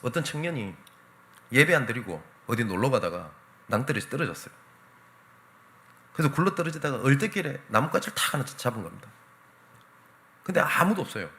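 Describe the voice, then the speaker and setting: A man's voice: mid-range voice, a little fast, long pauses. A man preaching a Sunday sermon as a pastor in a church, telling stories emphatically. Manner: animated storytelling, emphatic. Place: church sanctuary.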